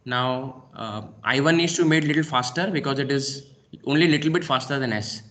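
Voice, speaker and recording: A male lecturer with an Indian English accent narrates a screen-recorded lab demo, calling out each click and pausing on a steady "okay." His voice sits at a middle pitch for a man. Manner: talks through each click step by step, frequent "okay".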